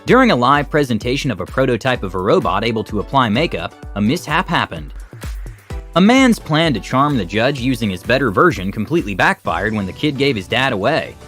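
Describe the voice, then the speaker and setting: A man's voice: medium pitch, very animated, brisk, fairly bright tone. A man reading scripted narration for a video compilation in an explanatory, lightly wry way. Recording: background music under voice. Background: music.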